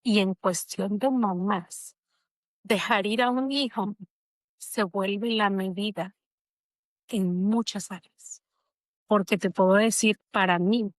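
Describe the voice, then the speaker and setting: A woman's voice: medium pitch, dry recording. A middle-aged woman, an interview guest, telling a personal story in a reflective, emotional way. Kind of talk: conversational interview.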